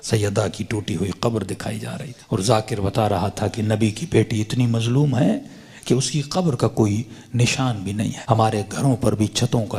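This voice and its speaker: A man's voice: medium pitch, darkish tone, slightly rough. A male preacher telling a story in a sermon with passion, acting out the dialogue as he goes. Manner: impassioned, acting out quoted dialogue.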